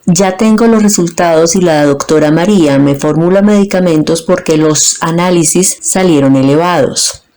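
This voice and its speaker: A woman from Colombia, teaching a grammar lesson and slowly breaking words into their parts. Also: on the low side, dark tone. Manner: slow, deliberate, splits words into their parts. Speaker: Spanish teacher.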